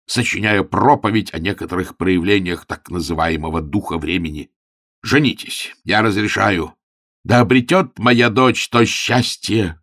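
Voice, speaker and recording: A man's voice: sits low, fairly bright tone, no room sound, clean studio sound. A man doing a solemn, pompous old vicar. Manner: solemn, measured, sermonizing. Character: pompous older male vicar granting permission.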